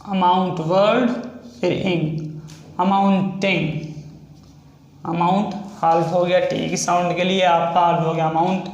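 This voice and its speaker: A man teaching a shorthand lesson, slowly spelling out words stroke by stroke. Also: high voice, steady tone, reverberant, dull audio. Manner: slow, stretches out words as he spells them. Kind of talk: explaining a lesson.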